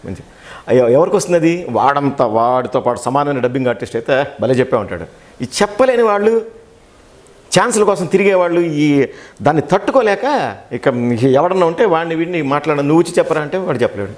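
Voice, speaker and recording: A Telugu-accented man talks fast and with energy, his voice sitting a little high for a man. He is a dubbing artist telling stories in an interview, and he acts out the lines he quotes. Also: expressive. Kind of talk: interview, animated storytelling.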